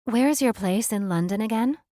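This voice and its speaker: A woman's voice: a little high, moderate pace, warm tone, no room sound, studio quality. A woman reading a romance audiobook aloud, voicing the characters' lines lightly within her narration.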